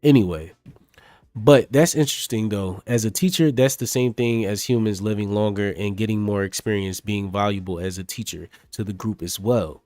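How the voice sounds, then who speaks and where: A man's voice: fairly low pitch, steady tone, normal speed, few pauses, a little mellow, dry recording. A man talks casually on a live stream, reading pages aloud and greeting his viewers by name. His voice sits close and dry on the mic, with no room around it. Faint music plays underneath. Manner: chatty, addresses chat viewers by name.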